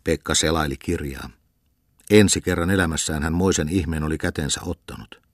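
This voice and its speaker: A man reading a novel aloud as an audiobook narrator, in an even storytelling manner. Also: a bass voice, no echo, clean studio sound. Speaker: audiobook reader.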